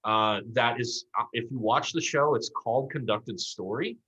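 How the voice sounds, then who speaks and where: A man's voice: medium pitch, moderate pace, sharp tone, low-quality recording. A man co-hosting a casual recap, talking through performers with encouraging, rambling remarks and plenty of fillers. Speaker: improv league coach and co-host.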